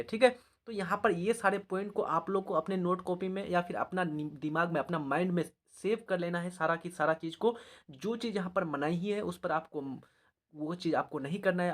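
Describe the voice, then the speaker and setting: A man giving exam advice to students as a teacher, often pausing to check in and calling them children. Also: high voice. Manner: repetitive, often checks in with "all right" and calls the students "children".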